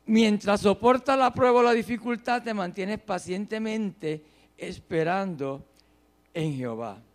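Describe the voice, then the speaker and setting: A man delivers a sermon in a high voice. He talks slowly, dropping to soft, low phrases and then rising to loud, drawn-out emphasis. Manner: dramatic swings between soft and loud, slow drawn-out emphasis. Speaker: preacher.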